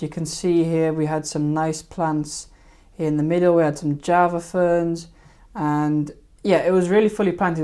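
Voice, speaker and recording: Low, mellow-voiced woman chatting casually. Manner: rambling, hesitant, laughs at own old videos. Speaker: fishkeeping channel host. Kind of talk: casual live-stream commentary.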